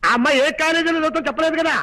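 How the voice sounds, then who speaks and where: A man's voice: very high-pitched, rapid-fire, sharp tone, low-quality recording. A man playing a comic film hero, with theatrical, exasperated delivery. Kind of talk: film dialogue.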